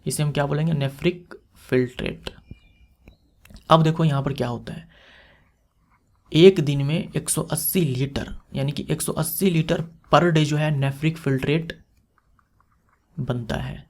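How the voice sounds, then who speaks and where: A man's voice: fairly high pitch, fairly even intonation, unhurried, long pauses. A man giving an exam-prep lecture, explaining step by step, repeating key terms and asking rhetorical questions. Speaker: teacher.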